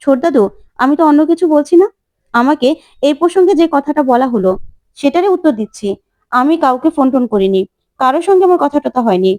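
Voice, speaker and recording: A defensive young groom who keeps insisting, read by a woman narrating a serial. The voice stays high and mellow. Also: animated, fast, no echo.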